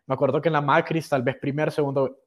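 Talking fast in a steady, slightly high voice, a young adult from Honduras jokes at his own expense while recounting school-days stories in casual slang sprinkled with English. His accent is Honduran, and the audio sounds dull.

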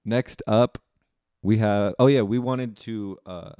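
Deadpan young man hosting a podcast. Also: on the low side, takes it slowly, clear, resonant tone, dry recording. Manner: deadpan jokes, announcer-like segments. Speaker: podcast co-host. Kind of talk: casual podcast banter.

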